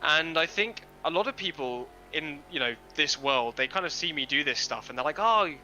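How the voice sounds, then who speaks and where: A man's voice: a little high, fairly quick, bright, forceful tone, a little hiss or hum, rough recording. A man streaming a sim race, chatting casually on a headset, self-deprecating and swearing now and then. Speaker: streamer and sim racing driver. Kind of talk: casual chat while racing.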